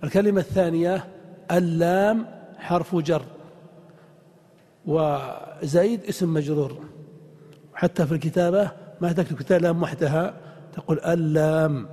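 Male teacher, fairly high husky voice, deliberate lecturing, long hall reverb. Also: warm tone. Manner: deliberate, spells out examples, asks the class questions. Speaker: grammar teacher. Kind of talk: lecture on Arabic grammar.

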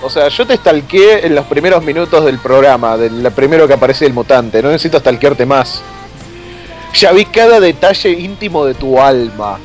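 A man's voice: medium pitch, expressive, normal speed, soft background music. A man with an Argentine accent, co-hosting a podcast in joking, teasing banter. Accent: Argentine Spanish. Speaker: podcast co-host. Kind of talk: casual chat.

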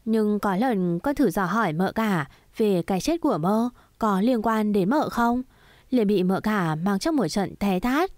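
A woman voicing a frightened young female servant in a storybook reading, explaining herself in a plain, hurried way. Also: medium pitch, expressive, darkish tone, no room sound, studio quality, lightly acted. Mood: defensive.

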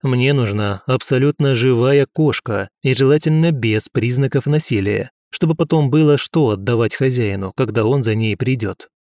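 A man voicing a young male academy student who speaks in a wry, brisk way. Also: medium pitch, darkish tone, no echo, clean studio sound, natural voice.

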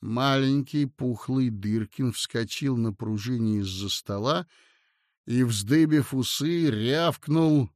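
A man reading a satirical story aloud with expressive narration. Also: medium pitch, slow pace, no echo, clean studio sound.

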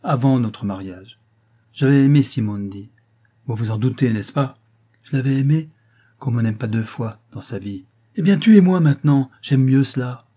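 A man's voice: mid-range voice, normal speed, mellow, close to an everyday voice. A man voicing a proud, fiery young woman who defies her husband, speaking with heated defiance. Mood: defiant.

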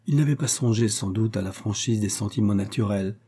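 A man narrating a classic novel as an audiobook in a measured, even way. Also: lowish voice, husky. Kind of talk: scripted literary narration.

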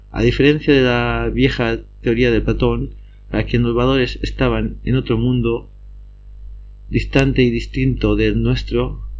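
A man reads through philosophy study notes in an even, mid-range voice, tripping over words now and then and going back to fix them. The recording is a little dull and muffled. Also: medium pitch, a little hiss or hum. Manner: reads steadily with frequent slips and restarts. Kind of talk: reading lecture notes aloud.

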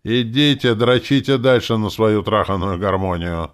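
A man's voice: on the low side, moderate pace, voice pushed up, lightly acted. A man voicing a brash, crude male elf ghost bard who brags and swears. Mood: boastful.

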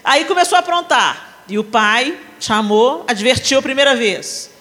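A woman's voice: sits high, moderate pace. A woman with a Brazilian Portuguese accent preaching at a women's conference, telling family stories with humor and acting out the scenes. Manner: animated, acts out family scenes with shifting voices. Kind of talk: sermon with humorous storytelling. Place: large conference hall. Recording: long hall reverb.

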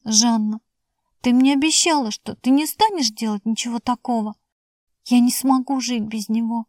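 A woman's voice: on the high side, moderate pace, darkish tone, no room sound, clean studio sound, pitched above the performer's own voice, lightly acted. A woman voicing an emotional, pleading young woman who is the narrator's sister, in audiobook dialogue. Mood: distraught.

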